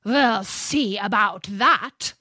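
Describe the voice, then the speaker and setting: A woman's voice: mid-range voice, very slow, bright, forceful tone, no room sound, clean studio sound, heavily acted. A woman voicing a snarling male wolf who drags out his threats. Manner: snarling, drawn out.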